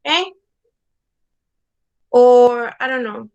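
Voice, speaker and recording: A woman's voice: on the high side, slow, darkish tone, highs cut off. A woman teaching an English lesson in an online class, patient and repetitive, checking in with "okay?" again and again. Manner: patient, repeats words and asks "okay?" often.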